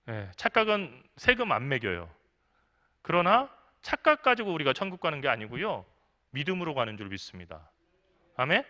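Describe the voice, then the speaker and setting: Lively Korean man preaching conversationally. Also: a little high. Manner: conversational preaching with rhetorical questions and acted quotes. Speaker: senior pastor. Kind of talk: sermon. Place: church.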